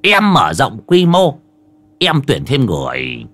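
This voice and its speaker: A man's voice: medium pitch, huge pitch swings, slow pace, fairly bright tone, heavily acted. A man voicing a cocky, flashy older village man who talks brashly. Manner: brash and mocking.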